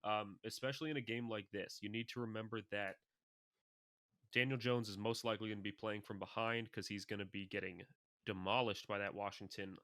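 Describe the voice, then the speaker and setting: A young adult man co-hosting a casual fantasy football podcast, talking in an animated, excitable way. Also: on the low side, dry recording, clean studio sound. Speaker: podcast co-host.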